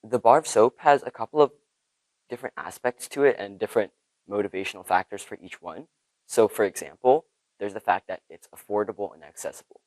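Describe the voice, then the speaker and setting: A man's voice: lowish voice, a little fast, a little mellow, no room sound, rough recording. A teenage boy from Ethiopia answering interview questions, eager and thoughtful. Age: teens. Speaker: student inventor.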